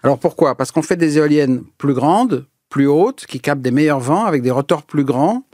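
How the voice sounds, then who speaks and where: A man's voice: fairly high pitch, lively intonation, normal speed, a little mellow, no echo, clean studio sound. A man answering interview questions as an energy expert, explaining at length with frequent hesitations and fillers. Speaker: energy researcher, guest.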